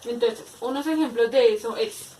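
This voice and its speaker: Woman teacher, fairly high voice, hesitant step-by-step explaining, roomy echo, off-mic. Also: dark tone. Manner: explains slowly with many hesitations and repeats. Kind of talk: spoken grammar lesson. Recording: echoey room, far from mic.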